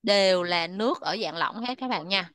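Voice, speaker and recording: A woman's voice: fairly low pitch, expressive, over music. Woman teacher drilling English words. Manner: repeats words slowly for pupils to echo. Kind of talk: bilingual classroom teaching.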